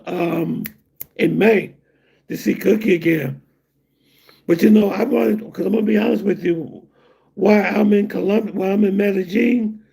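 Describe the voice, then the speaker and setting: Hosting a relaxed livestream, this middle-aged man from the United States wanders from topic to topic and chuckles at his own humor. He speaks in a high-pitched, husky voice with a dark tone and vocal fry.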